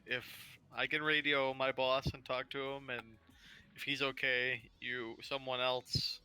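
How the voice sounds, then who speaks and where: Guy playing a tabletop game, clear forceful voice, chatting casually, faint music. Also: medium pitch, flat delivery, a little slow. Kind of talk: casual chat.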